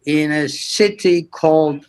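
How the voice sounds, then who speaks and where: An older man from Turkey whose first language is French, slowly recalling his early life in an interview, with halting restarts. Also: fairly high pitch, a little mellow. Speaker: guest surgeon. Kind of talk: interview reminiscing.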